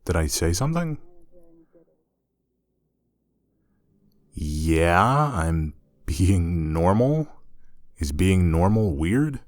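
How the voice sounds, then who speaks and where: A deep-voiced man voices a young roommate in an intimate ASMR roleplay, reassuring and earnest in a heavily acted delivery. He sounds easygoing and gently teasing but a little awkward, with casual wording and trailing, hesitant asides. The recording is very dry, with no room sound.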